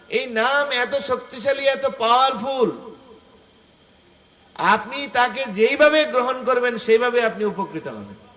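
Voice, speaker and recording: A male preacher giving an animated devotional sermon, asking the gathering rhetorical questions. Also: very high-pitched, slight background noise. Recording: echoey room with faint ambience.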